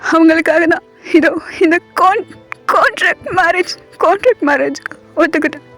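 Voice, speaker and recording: A woman's voice: extremely high pitch, a little fast, a little mellow, faint music behind. A woman voicing a heartbroken young man who cries and pleads, repeating himself through tears, in a storybook reading. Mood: tearful pleading. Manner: tearful, pleading, repeats phrases. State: crying.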